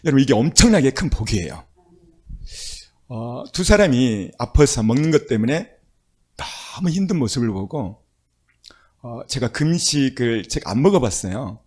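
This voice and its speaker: A man's voice: mid-range voice, sing-song, moderate pace, long pauses, darkish tone, slightly rough. A male pastor preaching a sermon, telling stories with emphatic, rising exclamations.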